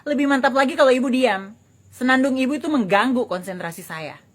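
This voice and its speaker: Woman putting on a high, breathy, snippy busybody. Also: lively intonation, a little fast. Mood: snide. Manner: snide, complaining. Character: nosy woman with a snippy tongue.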